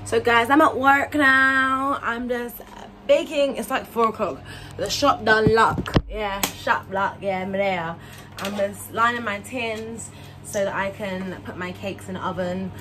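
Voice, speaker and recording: A young woman, chatting casually and rambling to camera in a vlog, often correcting herself. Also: medium pitch. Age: young adult. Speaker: vlogger. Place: at home.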